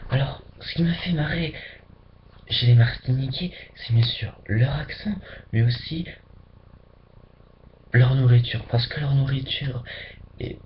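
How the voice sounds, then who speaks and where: A man's voice: medium pitch, measured pace, long pauses. Chatty French man on a dull webcam. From France. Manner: chatty and rambling, dips into whispers for emphasis. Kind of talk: casual webcam vlog. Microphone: webcam mic. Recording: dull lo-fi webcam audio with faint hiss.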